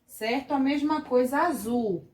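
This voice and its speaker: A woman's voice: sits high, darkish tone, roomy sound. A Brazilian Portuguese woman teaching an online grammar lesson to children, patient and explaining step by step while she checks in with the class. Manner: patient, explains slowly, keeps asking the class "certo?". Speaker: primary school teacher.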